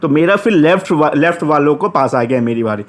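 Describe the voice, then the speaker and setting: Higher-voiced young man telling a story. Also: animated, brisk. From Uttar Pradesh, India. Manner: chatty, retells dialogue, frequent restarts. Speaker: interview candidate recounting experience. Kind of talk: casual storytelling.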